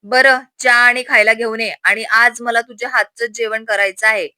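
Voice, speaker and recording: Woman voicing a scheming, sharp-tongued older aunt. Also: fairly high pitch, steady tone, normal speed, no room sound. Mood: teasing, bossy. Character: scheming older aunt, fond of her nephew.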